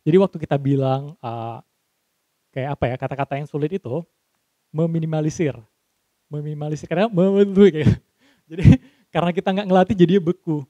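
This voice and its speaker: A man's voice: a little high, fast, long pauses, warm tone, no echo, muffled recording. A young man leading a voice training workshop, joking with the audience and demonstrating exercises. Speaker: speaking trainer.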